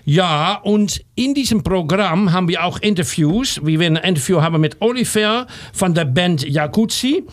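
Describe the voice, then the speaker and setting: Halting Dutch-accented man on the radio. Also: high voice, lively intonation. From Netherlands. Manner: halting, searching for words with many fillers. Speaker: guest radio presenter. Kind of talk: casual multilingual radio presenting.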